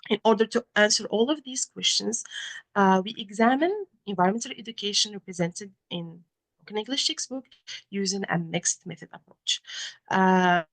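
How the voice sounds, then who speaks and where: A woman with a Moroccan accent presenting research at an academic conference in a halting, often self-correcting way. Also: mid-range voice, fairly bright tone, poor audio. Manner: hesitant, halting delivery with frequent self-corrections.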